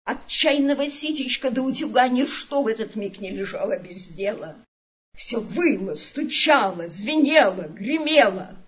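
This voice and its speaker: Woman narrator, rhymed children's story, slow and expressive, dull lo-fi recording. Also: on the high side. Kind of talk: storybook reading in verse.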